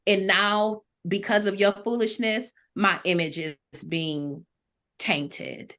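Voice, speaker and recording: An American woman from Toledo sits on a podcast panel, talking casually and voicing her opinions freely in slangy, profane terms. Her mid-range voice is fairly bright, and she keeps a steady tone at a slow pace.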